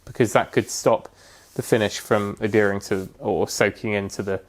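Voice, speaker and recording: In a kitchen, a man with a lowish voice casually narrates a woodworking restoration project. He walks through each step in a relaxed, practical way, pausing often and using lots of fillers.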